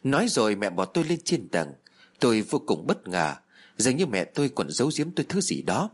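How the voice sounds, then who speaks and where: A man's voice: medium pitch, big pitch swings, brisk, breathy edge. A man narrating a spooky first-person horror story in a tense, dramatic storytelling manner.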